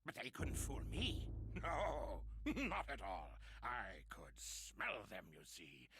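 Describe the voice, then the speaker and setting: An actor playing a deranged man who raves about monsters, lurching between hoarse whispers and manic shouts in a theatrical horror monologue. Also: lowish voice, huge pitch swings, takes it slowly, noisy background, full character voice. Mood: raving. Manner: theatrical, archaic turns of phrase. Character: deranged male survivor raving about monsters.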